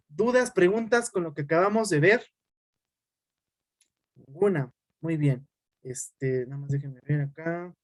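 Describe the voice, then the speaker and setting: A young adult man teaching an online class, talking quickly and often checking in with his students. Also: on the high side, dry recording. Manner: fast-talking, uses "¿sale?" as a tag.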